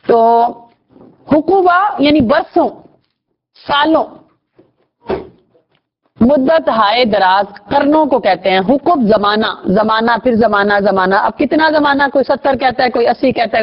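A woman with a slightly high voice teaching a Quran vocabulary lesson. She goes patiently through each word, spelling out its root letters and repeating key terms. The recording sounds dull and lo-fi. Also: long pauses, husky. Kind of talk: classroom lesson explaining Arabic words.

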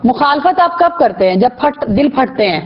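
A woman's voice: high-pitched, big pitch swings. A woman teaching a class, explaining word roots, quizzing her students and praising their answers. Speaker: Quran vocabulary teacher. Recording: dull lo-fi recording.

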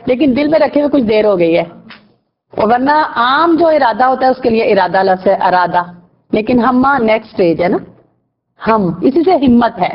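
A woman teaching a class, explaining word roots, quizzing her students and praising their answers. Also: on the high side. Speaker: Quran vocabulary teacher. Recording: dull lo-fi recording.

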